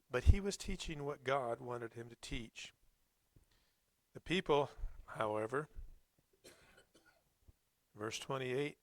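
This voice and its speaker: A man preaching a Sunday sermon, reading scripture and commenting on it in a plainspoken, reflective, halting way. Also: mid-range voice, no room sound.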